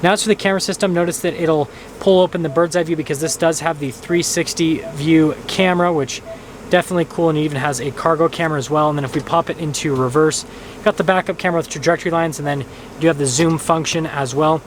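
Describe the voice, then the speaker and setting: High-voiced man giving a quick car walkaround. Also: fairly even intonation, slight background noise. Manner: quick, upbeat feature rundown. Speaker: car reviewer. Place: outdoors and inside a truck.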